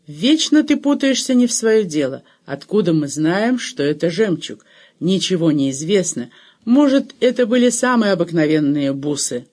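A man voicing a sharp-tongued middle-aged wife who nags and scolds her husband in an audiobook. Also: high voice, very animated, normal speed. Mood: scolding. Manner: scolding, nagging.

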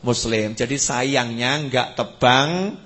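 A man preaching to a live audience, telling a story in an animated way with sudden high bursts and low asides. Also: slow pace. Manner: animated storytelling, pitch leaping up when emphatic, dropping low for asides. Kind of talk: religious lecture to a live audience.

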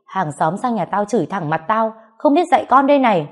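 A woman's voice: mid-range voice, very animated, a little fast, pitched above the performer's own voice. A woman voicing an abusive middle-aged mother who screams insults at her daughter in an audio story. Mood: furious shouting. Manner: screaming insults, harsh and scolding.

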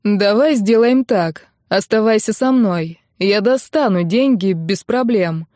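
A woman reading an audiobook voices a persistent, cool-headed rich young man who talks in a calm, mocking way. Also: mid-range voice, moderate pace, dry recording, clean studio sound, close to an everyday voice. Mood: persuasive. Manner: calm and mocking, flaring into shouts.

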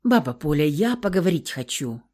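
A soft-spoken young mother talks tenderly and a little hesitantly, as a woman narrator puts her on. Her voice is quiet and low in the audiobook. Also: very animated, a little fast. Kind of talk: audiobook character voice.

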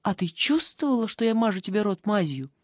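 A woman voicing a tearful, excitable younger sister turned into a twelve-year-old girl in an audiobook. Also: brisk, no echo, studio quality. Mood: anxious. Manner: excitable, tearful, shrill when upset. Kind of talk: audiobook character voice.

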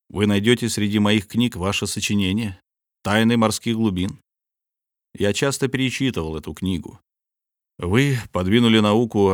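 A man's voice: on the low side, no echo, studio quality, lightly acted. A man voicing a stern, proud submarine captain who speaks coldly and with authority. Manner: cold, measured and authoritative. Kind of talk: audiobook character reading.

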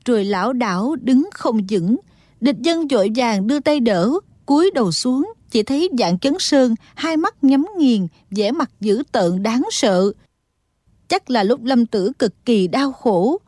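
A woman narrating a martial-arts novel in a steady, dramatic storytelling tone. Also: a little high, slow, no room sound. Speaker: audiobook narrator.

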